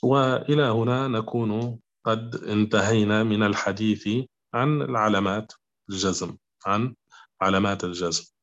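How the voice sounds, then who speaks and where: A man with a fairly low voice gives a patient grammar lesson. He talks slowly, repeats each example and keeps checking that his students follow. The recording is a little dull and lo-fi. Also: fairly bright tone. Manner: slow, repetitive, asks "clear?" often. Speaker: Arabic grammar teacher.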